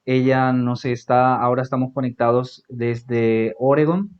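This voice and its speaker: A podcast host with a Paraguayan Spanish accent conducts a casual interview, using lots of fillers and tag questions. His clear, resonant voice is medium-pitched, with a steady tone and measured pace. The audio is dull and lo-fi.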